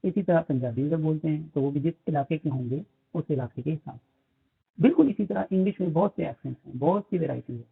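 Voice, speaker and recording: A male phonetics lecturer with a Pakistani accent blends English terms into his explanations, uses many fillers, and reads English lines deliberately. His fairly high voice is gravelly and a little rough, heard over tinny phone-style audio.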